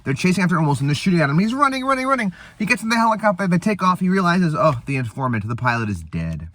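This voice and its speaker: A man's voice: high voice, sing-song, very fast, a bit bright. A man hosting a casual eating show, rambling and laughing as he retells a movie between bites. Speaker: host. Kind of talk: casual chat.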